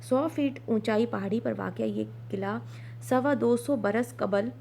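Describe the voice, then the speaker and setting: A woman teaching a school lesson, explaining slowly with many fillers and English words mixed in. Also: fairly high pitch, creaky, darkish tone, a little hiss or hum. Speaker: Urdu tutor. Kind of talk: online class lesson.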